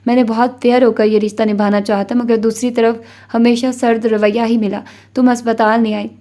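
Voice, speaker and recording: A woman's voice: fairly high pitch, flat delivery, warm tone, lightly acted. A woman voicing a wounded young husband who speaks coldly and reproachfully in a novel reading. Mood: cold reproach. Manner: cold, reproachful.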